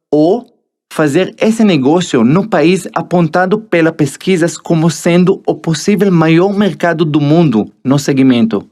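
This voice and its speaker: A man's voice: on the high side, darkish tone. Israeli man narrating his motivational audiobook. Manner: motivational, addresses the listener directly. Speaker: author narrating his own book.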